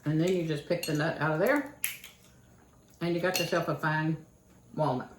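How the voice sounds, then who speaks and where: An older woman with a Kentucky accent talks through a homey vlog in a folksy, chatty way. Her voice sits a little low and rings out in an echoey room with faint noise in the background. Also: steady tone, normal speed. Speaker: channel host. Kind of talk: casual home vlog chat.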